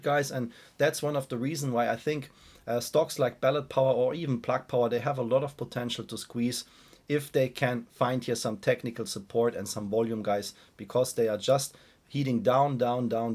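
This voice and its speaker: A man's voice: medium pitch, darkish tone. A man with a weak voice gives informal chart commentary as a video host, repeating phrases and often addressing listeners directly. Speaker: host of a stock analysis video channel.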